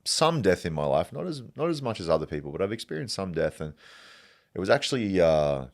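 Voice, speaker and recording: A man's voice: sits low, sing-song, fairly quick. A man hosting a solo podcast, rambling and joking with lots of swearing. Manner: rambling, profane, joking, laughs often. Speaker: podcast host. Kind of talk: casual solo podcast monologue.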